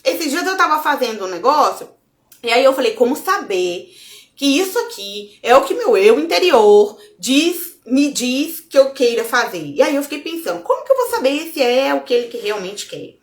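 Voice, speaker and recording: Lively Brazilian woman in an echoey room. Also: high-pitched, moderate pace. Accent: Brazilian Portuguese. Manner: expressive, acts out inner dialogue, addresses viewers as gente. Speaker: self-development speaker. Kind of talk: casual motivational talk to viewers.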